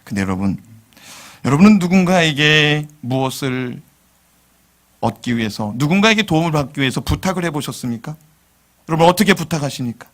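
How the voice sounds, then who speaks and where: A male pastor giving a sermon in a church, animated and quizzing the congregation. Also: fairly high pitch, fairly quick, long pauses. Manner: animated, asks the congregation questions, drops to whispers.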